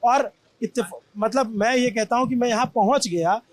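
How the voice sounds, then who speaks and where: A man's voice: extremely high pitch, normal speed. A man from Prayagraj, India, giving an impassioned, emphatic on-site news report from a damaged shop. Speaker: field reporter. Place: at a damaged shop after a crowd crush.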